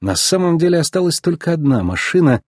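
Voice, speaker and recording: A brisk, bossy female car, as a man puts her on, blunt and commanding. The voice rides higher than his own with a husky edge. Dry, close storybook sound. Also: big pitch swings, darkish tone, no echo.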